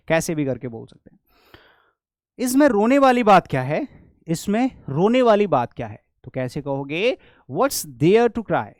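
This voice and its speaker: A man from India, an English teacher with an Indian accent, explains in Hindi and says each English phrase slowly, again and again. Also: fairly high pitch, a little mellow, no room sound, studio quality. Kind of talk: spoken English lesson.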